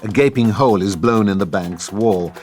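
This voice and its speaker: A man reads a script's scene directions aloud in a scripted style, his voice fairly low and darkish, at a normal pace. Music is clearly audible behind him.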